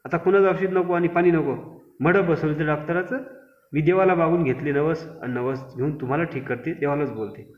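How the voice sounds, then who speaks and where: A man voicing a sharp-tongued village wife. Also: a little high, animated, normal speed, lightly acted. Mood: exasperated. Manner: scolding, tart retorts. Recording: echoey room, dull sound.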